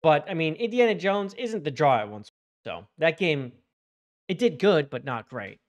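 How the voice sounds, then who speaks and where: A man's voice: on the high side, animated, moderate pace, highs cut off. Guy doing casual reaction commentary, scoffing and full of opinions.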